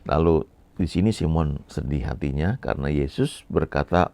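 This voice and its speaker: A man giving a sermon, reading a Bible passage and then explaining it in a relaxed, conversational way with frequent fillers. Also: extremely low pitch, moderate pace, gravelly, dry recording. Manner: reads scripture then explains in casual speech with many fillers. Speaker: preacher.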